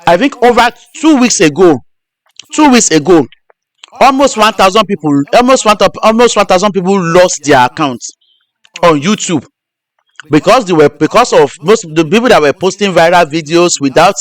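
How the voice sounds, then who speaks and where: Man, high voice, repetitive step-by-step host talk. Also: lively intonation, normal speed. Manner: repetitive, restarts phrases. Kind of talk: live-stream teaching.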